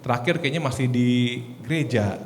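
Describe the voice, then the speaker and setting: A man's voice: mid-range voice, moderate pace. A man in his thirties, a lay preacher giving a casual, story-filled sermon at a prayer meeting. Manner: casual, chatty, storytelling with laughs. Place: large echoey church hall. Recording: echoey hall, faint noise.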